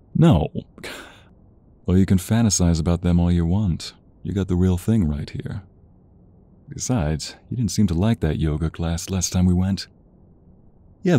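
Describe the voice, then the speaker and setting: In a romance audio roleplay set at a home gym, a man voices a playful, doting boyfriend. His voice is deep and dark-toned, and he chats with teasing affection punctuated by little grunts.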